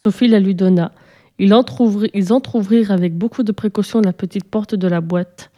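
Casting: a woman reading a children's storybook, warm and mellow, at a steady, even pace. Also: mid-range voice, moderate pace. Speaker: narrator.

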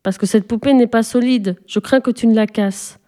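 A woman reading a storybook aloud, voicing a cautious, doubtful young boy in her own mellow voice. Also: on the high side, moderate pace, lightly acted.

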